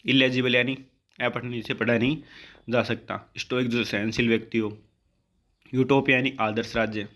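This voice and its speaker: Male tutor, exam vocab lesson, slow drawn-out definitions, mid-pitched voice. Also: fairly even intonation, fairly bright tone. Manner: explains words in Hindi with slow drawn-out English definitions. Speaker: English vocabulary teacher.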